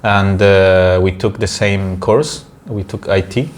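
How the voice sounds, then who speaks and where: A young Peruvian man with a Spanish accent co-hosts a laid-back podcast conversation. His low voice is steady and slow, and his speech is full of fillers and restarts.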